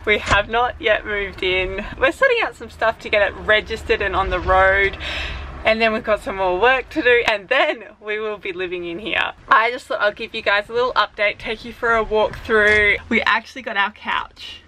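A woman's voice: mid-range voice, moderate pace, bright, forceful tone, slight background noise, poor audio. A woman hosting a casual vlog, chatting to camera inside a parked bus being converted and laughing often. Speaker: vlogger and host.

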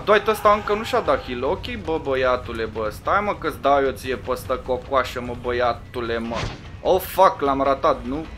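A man with a Romanian accent commentating his own video game play in a loose, casual way, taunting the other players, swearing and shouting when things go wrong. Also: medium pitch.

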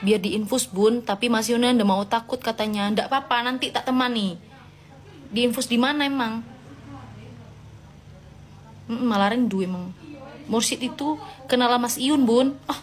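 Her voice is fairly high and moves at a normal speed, broken by long pauses. She hosts a relaxed live stream, reading out comments from viewers and responding with a teasing, motherly scolding.

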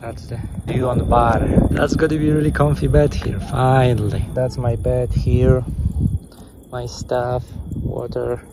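A young man narrating his budget travel vlog outdoors, talking into a handheld camera in plain, halting phrases. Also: medium pitch, fairly even intonation. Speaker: travel vlogger. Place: outdoors on beaches, trails and streets. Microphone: handheld camera at arm's length. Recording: loud outdoor noise.

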